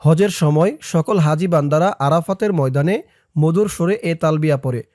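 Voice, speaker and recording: A man teaching recitation, explaining quickly and then chanting each word slowly, letter by letter. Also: on the high side, warm tone, no room sound, studio quality. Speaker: Arabic pronunciation teacher. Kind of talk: recitation lesson, spelling out letters.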